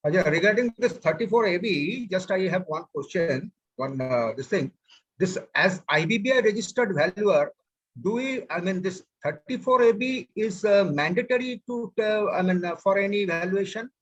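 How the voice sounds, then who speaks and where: Male questioner, North Indian accent, high pitch, husky tone, hesitant delivery with halting phrases. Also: lively intonation, poor audio. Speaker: class participant asking a question.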